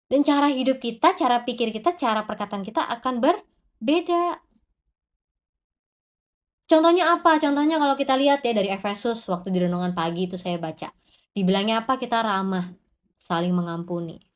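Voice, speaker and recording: Woman preacher, kinda high voice, casual sermon talk, asks "why?" and answers it herself. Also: expressive, fairly quick, pauses often. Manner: conversational, answers her own rhetorical questions; addresses the congregation directly. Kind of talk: informal devotional sermon.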